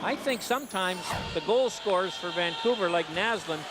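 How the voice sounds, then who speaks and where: A man's voice: high-pitched, expressive, normal speed, over loud music, rough recording. A man giving colloquial, explanatory analysis as a hockey color commentator. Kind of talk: live sports commentary, analysis.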